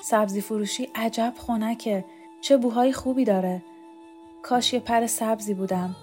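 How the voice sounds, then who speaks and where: A woman's voice: on the high side, steady tone, warm tone, soft background music, natural voice. A woman voicing a frail, feverish bedridden woman. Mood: dreamy. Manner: weak, halting, drifting into delirium.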